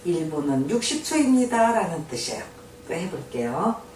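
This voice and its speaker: An older woman giving a patient English lesson, saying each phrase slowly and then explaining it. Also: on the low side, sing-song, a little mellow. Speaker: teacher. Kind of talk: slow spoken English lesson. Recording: echoey room from far off with faint noise.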